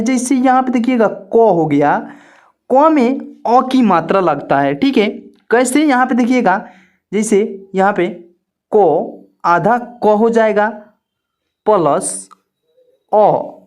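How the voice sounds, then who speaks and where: A fairly high-pitched woman walks learners through an alphabet lesson. She speaks very slowly and patiently. She repeats each point and draws out her words, like a teacher at a board. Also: a little mellow. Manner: patient, repetitive, drawn-out teacher delivery. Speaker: online Hindi teacher. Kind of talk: slow step-by-step alphabet lesson.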